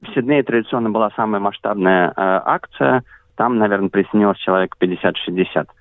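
Gravelly man on a tinny phone line. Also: on the low side, no echo. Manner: measured, frequent filler sounds, careful listing. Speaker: activist coordinator interviewed as guest. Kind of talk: remote interview answers.

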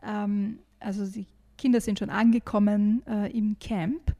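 A woman discussing a children's book and reading an excerpt aloud, lively, raising her voice for the characters' shouts. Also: mid-range voice, unhurried, over loud music.

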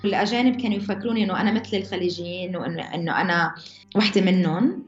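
Speaking rapid-fire in a lowish voice, a young interviewee with a mixed Levantine Arabic accent casually shares her personal story, frequently breaking off and restarting mid-phrase. Music runs under a roomy, slightly dull recording.

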